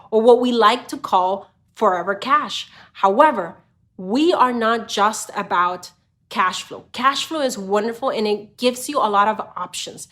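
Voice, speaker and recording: A woman's voice: fairly high pitch, a bit bright. A middle-aged woman from Honduras talking casually to camera as a channel host, loose and conversational, with many filler words. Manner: conversational, frequent "you know" fillers. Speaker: real estate investor and channel host. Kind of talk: casual direct-to-camera talk.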